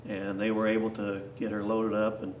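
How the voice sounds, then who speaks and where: A man's voice: fairly low pitch, monotone, normal speed, narrow, tinny audio. An older man, a grandfather, telling an unscripted, rambling personal story in a folksy, plain-spoken way that often doubles back on itself. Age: 60s or older. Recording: echoey, distant mic, faint noise.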